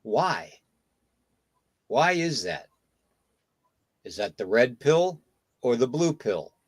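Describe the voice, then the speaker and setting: A man's voice: mid-range voice, very animated, slow, breathy edge, no room sound. A man hosting a podcast, talking casually in a lecturing way and checking in with "okay?" and "you know" between points. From United States. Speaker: podcast host.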